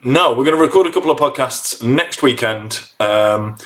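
Teasing male podcast host, middle-pitched. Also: animated, moderate pace. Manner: teasing, gloating, jokey. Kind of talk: casual podcast banter.

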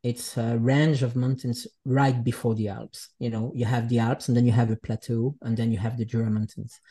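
A man from Switzerland talks as a guest in an unhurried conversation. His voice sounds dark and mellow. He often pauses and hunts for the right words. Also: medium pitch, little pitch movement, breathy edge. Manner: reflective, searching for words, speaks English as a second language. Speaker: guest artist. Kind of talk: casual conversation.

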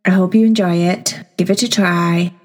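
A woman guiding a children's meditation as a podcast host, speaking in a soft, soothing, breathy manner. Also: fairly low pitch, fairly even intonation, moderate pace. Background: new-age music.

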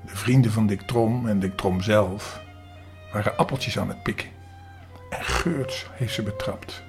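An older man, a grandfather, reading a children's story aloud in a lively, expressive way. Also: fairly low pitch, unhurried, gravelly, music in the background.

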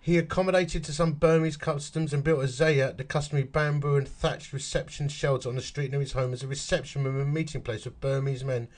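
A man with an Essex accent reads a history article aloud, his mid-range voice steady and a little fast with few pauses. He stops for chatty asides and works out dates and numbers out loud.

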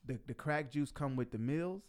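A man with a Las Vegas accent hosting a casual podcast chat, bantering with quick slang and laughing often. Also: medium pitch, darkish tone. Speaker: host.

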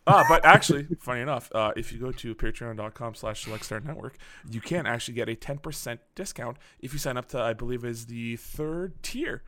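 A man hosting a podcast in casual chat, telling stories in an animated, profane way. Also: medium pitch, a little fast, few pauses, slight background noise. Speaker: podcast host.

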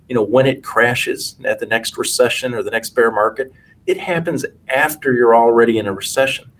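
Male financial adviser, late 40s, conversational podcast guest, mid pitch, a little off-mic. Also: recorded from a distance, a little hiss or hum, rough recording. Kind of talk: conversational interview answers.

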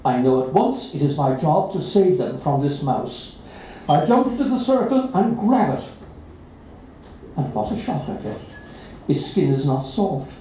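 A reader at an open mic, reading a children's story aloud in an expressive, dramatic way. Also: medium pitch, a little slow, slight background noise. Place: live reading event. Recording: echoey room from far off.

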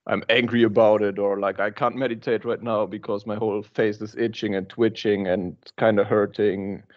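A man's voice: on the low side, little pitch movement. A man speaking over a breaking-up online call, describing his experience hesitantly as a meditation class participant. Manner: hesitant, halting. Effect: voice over a breaking-up online call line. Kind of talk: casual question in a group call. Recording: dull lo-fi call audio.

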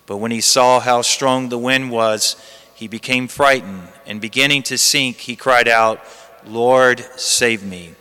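A man's voice: medium pitch, steady tone, measured pace, sharp tone, clear, resonant tone. A priest reading the gospel and preaching emphatically, with repeated phrases, his voice ringing in a large church's cathedral echo. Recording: long echoing church reverb.

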